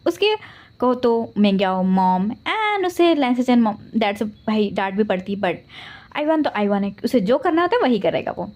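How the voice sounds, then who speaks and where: A woman narrating a fan story in a rapid, chatty way as channel host. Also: fairly high pitch, a little mellow.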